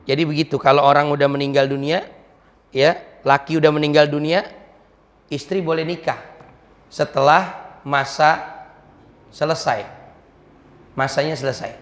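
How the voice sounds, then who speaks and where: A male preacher gives a dawn sermon, joking and chatty and dropping in Arabic recitation. His voice sits high for a man, and a long reverb trails it through the prayer hall. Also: steady tone, moderate pace, pauses often. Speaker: preacher at weekly dawn study. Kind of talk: humorous colloquial sermon.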